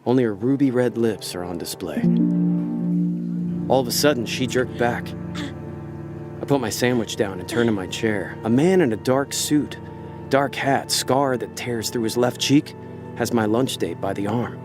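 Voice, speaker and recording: This hardboiled noir radio play features a man as a laid-back, cynical con man, speaking in a wry, slangy, world-weary way. He talks at medium pitch and normal speed, near his everyday voice, while prominent music runs beneath.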